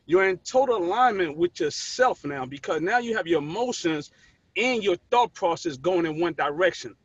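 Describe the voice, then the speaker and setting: A fairly high-pitched man speaks over a buzzy, glitchy call connection that sometimes breaks up. His voice is husky and sounds muffled and dry down the line. He talks earnestly and restarts words as he works out his thoughts. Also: expressive, normal speed, dry recording. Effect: buzzy, glitchy online call audio that breaks up. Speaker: mastermind group member. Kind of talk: casual group discussion. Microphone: remote call connection.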